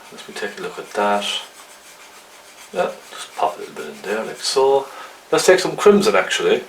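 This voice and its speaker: Gentle male painting instructor, roomy distant recording. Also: fairly low pitch. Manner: gentle, chatty, coaxing, with check-in tag questions. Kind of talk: casual hands-on painting tutorial. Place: indoor room, painting at a canvas. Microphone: camcorder at a distance. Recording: roomy, distant camcorder mic, faint noise.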